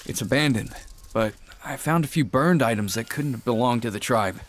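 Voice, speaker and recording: A man's voice: mid-range voice, normal speed, slight background noise, lightly acted. A man playing a shaken survivor lost in the jungle. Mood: wary. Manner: shaken, urgent, searching. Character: confused stranded man in the jungle.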